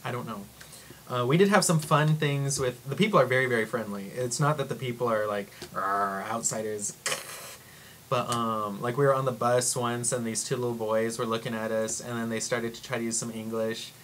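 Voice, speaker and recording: A young man telling travel stories in a casual vlog, rambling and excitable, full of "like" and acted-out quotes. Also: medium pitch, a little fast, slight background noise. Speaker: vlogger.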